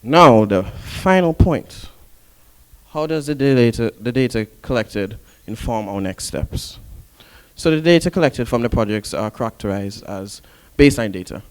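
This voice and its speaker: A man delivering a talk at a conference, working through his points in an explanatory way. His pitch sits in an ordinary middle range. Parts of the talk are read from prepared notes. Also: lively intonation, unhurried, smooth. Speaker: conference presenter. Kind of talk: conference presentation. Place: conference hall.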